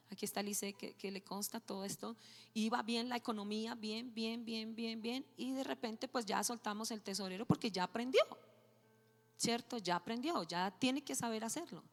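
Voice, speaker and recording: A woman pastor preaching a sermon, telling a story with lively acted-out dialogue. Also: a little high, normal speed. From Colombia. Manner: animated storytelling, acting out dialogue. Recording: long hall reverb with faint music.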